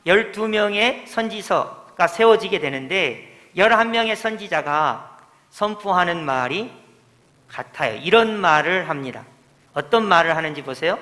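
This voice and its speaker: Guy pastor teaching a sermon, emphatic q-and-a style, bright high voice, echoey church hall. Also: lively intonation, measured pace. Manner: emphatic, drills the congregation, asks and answers himself. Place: church sanctuary.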